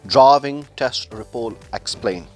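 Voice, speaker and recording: A man's voice: medium pitch, takes it slowly, darkish tone, soft background music. A man speaking as a driving instructor, giving methodical, formal step-by-step instructions to learner drivers in non-native English phrasing.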